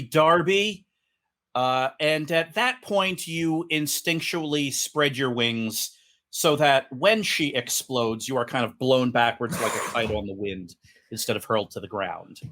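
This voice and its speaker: A man's voice: mid-range voice, sharp tone. A man narrating a tabletop role-playing game as game master, talking in a loose, rambling way with many fillers.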